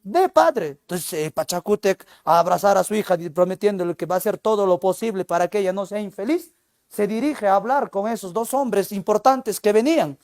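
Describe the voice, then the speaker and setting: A male literature teacher recounts a tale as a lesson, jumping in and out of the characters' voices. His delivery is animated and conversational. The sound is dry and close. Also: high-pitched, brisk, no echo. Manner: lively retelling, acting out the characters. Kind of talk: storytelling lecture.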